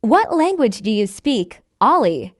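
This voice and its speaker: A friendly woman learner in a scripted practice dialogue, read by a woman. Her voice is high and lilting, with a wide swing in pitch. She speaks very slowly and shapes each word with care. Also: sing-song, no room sound, studio quality. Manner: slow, carefully enunciated, each line said twice. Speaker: dialogue reader.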